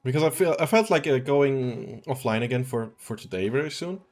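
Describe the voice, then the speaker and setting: Here the same kind of at-home game stream comes from a Swiss man in his twenties whose mid-range voice is fairly quick and a little mellow. He chats in a rambling, relaxed manner, frequently chuckling.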